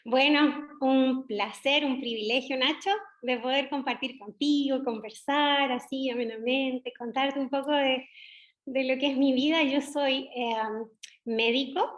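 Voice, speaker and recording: A middle-aged woman with a Chilean accent, a doctor speaking as guest in an interview, measured and reflective with pauses. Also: sits high, fairly even intonation. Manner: measured, reflective, frequent hesitations. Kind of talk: conversational interview.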